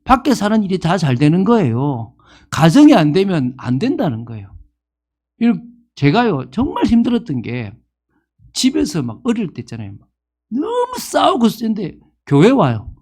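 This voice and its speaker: A man's voice: sits high, wildly swooping pitch, normal speed, a little mellow. A man in his fifties preaching a sermon as pastor, asking the congregation questions and acting out the people he quotes. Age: 50s.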